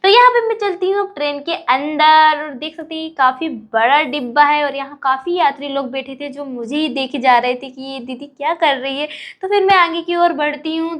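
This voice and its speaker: High-voiced young woman narrating her vlog. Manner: lively, chatty storytelling voice-over. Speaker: vlogger.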